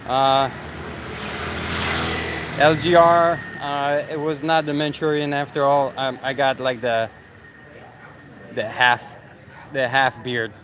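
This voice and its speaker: A man's voice: mid-range voice, little pitch movement, slow pace, long pauses, a bit bright. A man chatting casually on a livestream while out in a city at night, rambling and answering the chat with lots of fillers. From Canada. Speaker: vlogger livestreaming. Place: city street at night, on a bicycle. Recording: street noise behind, outdoors.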